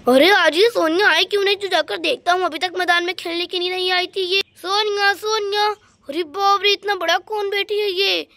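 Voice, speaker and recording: A cheeky young boy who teases and mocks in a homemade doll story, voiced by a woman. The voice is very high and sharp, with a gravelly rasp, and sounds dry and close. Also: steady tone, moderate pace, no room sound, exaggerated voice. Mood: teasing. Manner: teasing, mocking.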